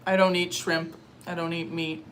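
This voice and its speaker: A young woman from Canada chatting casually on a livestream while eating, answering comments in a relaxed, chatty way with little murmurs of enjoyment. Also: lowish voice, normal speed, slight background noise, poor audio. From Canada (Ontario). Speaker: livestream vlogger. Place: outdoors or open space in a warm country.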